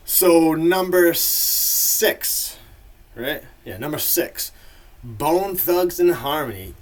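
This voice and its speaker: A man's voice: medium pitch, a bit bright. A man in a casual, rambling monologue full of fillers, giving his opinions as the host of a ranking video.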